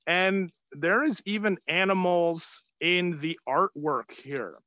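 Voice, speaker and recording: Bright, high-voiced man talking through face mask. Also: slow, no room sound, highs cut off. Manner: projecting, upbeat, asking the audience questions. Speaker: tour guide and live video host. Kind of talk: live virtual tour for children. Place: outdoors on an open hilltop terrace. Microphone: phone or camera at arm's length, video call.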